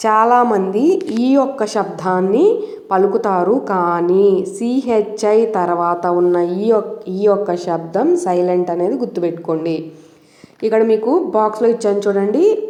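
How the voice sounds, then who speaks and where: A woman's voice: mid-range voice, warm tone, reverberant. A woman with a Telugu accent teaching English pronunciation, explaining step by step and asking questions. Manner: patient, explains step by step, asks rhetorical questions.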